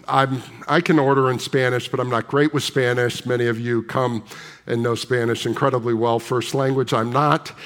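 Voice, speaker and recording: A man's voice: medium pitch, a bit bright. A man preaching a sermon, telling a story in a conversational way and putting questions to the congregation. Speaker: pastor. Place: large church sanctuary. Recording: long hall reverb.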